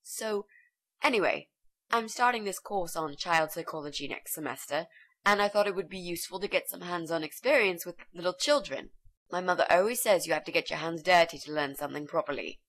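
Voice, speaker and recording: A breezy, scheming young student. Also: female voice, lowish voice, brisk, a bit bright. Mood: chirpy. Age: young adult. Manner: breezy, confident and talkative. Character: young female student, bold, chatty schemer. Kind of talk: video game voice acting.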